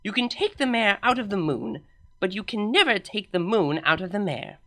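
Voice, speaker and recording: A woman's voice: medium pitch, animated, moderate pace, bright, forceful tone, voice pushed up. A woman voicing a blunt, proud alicorn princess with a matter-of-fact, slightly pompous delivery. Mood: deadpan.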